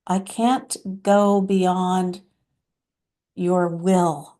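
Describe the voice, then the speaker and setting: Brief: woman voicing a motherly divine spirit, compassionate and soothing, mellow tone, very measured delivery. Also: on the low side, little pitch movement. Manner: slow, soothing, motherly address to listeners as children. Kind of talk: channeled spiritual message.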